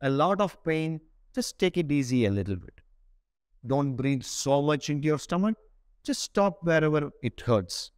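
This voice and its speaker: A man's voice: on the high side, lively intonation, normal speed, clear, resonant tone, no room sound, clean studio sound. A man in his forties giving an instructional breathing lesson in short, separated phrases. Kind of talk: spoken instructional lesson to camera. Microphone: clip-on lapel mic.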